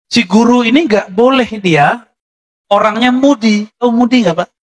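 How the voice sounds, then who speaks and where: A man with a high-pitched voice delivering a sermon with an Indonesian accent. He lectures in a conversational way and keeps turning to his listeners with short tag questions. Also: normal speed. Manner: conversational lecturing, addresses listeners as Pak, frequent "ya" tags. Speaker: Islamic preacher.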